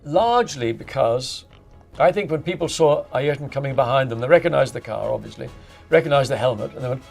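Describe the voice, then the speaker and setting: Gravelly man recalling a rival. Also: mid-range voice, expressive, moderate pace, darkish tone, soft background music. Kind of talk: documentary interview recollection.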